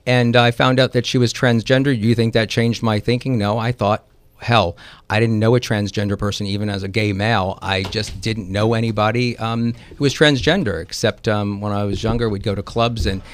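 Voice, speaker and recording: A man's voice: lowish voice, steady tone, fairly quick. A man, an attorney, chatting casually in a radio interview, rambling with frequent ums and laughs.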